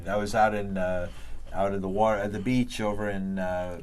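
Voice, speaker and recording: A man's voice: lowish voice, steady tone, fairly quick, a little hiss or hum. A man interviewing theater actors in a casual, chatty way, often saying "right" and "uh-huh". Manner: chatty, frequent affirming interjections.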